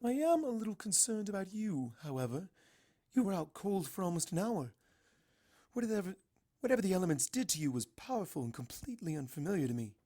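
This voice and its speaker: A woman voicing a calm, regal mare princess in a storybook reading, with measured, formal, motherly speech. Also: fairly low pitch, voice pushed up. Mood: concerned.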